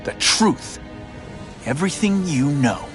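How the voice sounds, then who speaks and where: An actor playing a young, earnest superhero in a video game, quippy and sarcastic but morally firm. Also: male voice, a little high, animated, slow pace, music in the background. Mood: wry, confident. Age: young adult. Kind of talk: animated video game hero acting.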